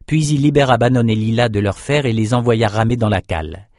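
A man narrating an audiobook in a measured, even way. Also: medium pitch, no room sound, clean studio sound. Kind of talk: scripted narration.

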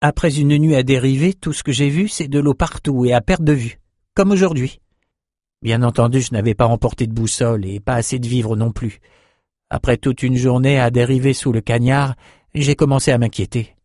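A man's voice: mid-range voice, warm tone, no room sound, studio quality, lightly acted. A man reading the part of a young male islander who tells, half mocking himself, how he was lost at sea. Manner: earnest, self-mocking storytelling. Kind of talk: audiobook character reading.

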